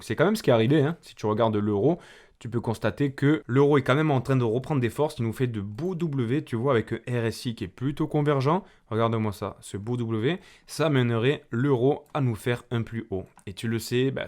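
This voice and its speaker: A man's voice: mid-range voice, darkish tone. Chatty French man explaining charts. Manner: chatty, addresses viewer as "tu", walks through charts. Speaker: crypto channel host. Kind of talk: casual market commentary to camera.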